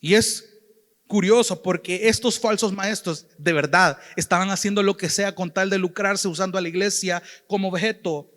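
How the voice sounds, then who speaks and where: High-voiced Salvadoran preacher in reverberant hall. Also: male voice, steady tone, moderate pace, a bit bright. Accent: Salvadoran Spanish. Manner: earnest, addresses listeners as brother and sister. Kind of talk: sermon.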